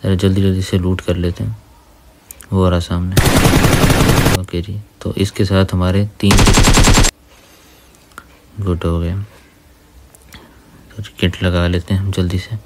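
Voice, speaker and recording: Deep flat-voiced man commenting gameplay. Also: measured pace, pauses often, a little hiss or hum. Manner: casual, addresses viewers as brothers. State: dry throat from talking. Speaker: gaming YouTuber. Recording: faint gunfire under the voice.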